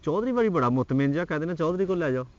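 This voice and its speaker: A man's voice: on the high side, lively intonation, racing, darkish tone, muffled recording, lightly acted. A man playing a scolding village interrogator. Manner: scolding, mocking, demanding answers. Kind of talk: comedy sketch acting. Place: outdoors in a village.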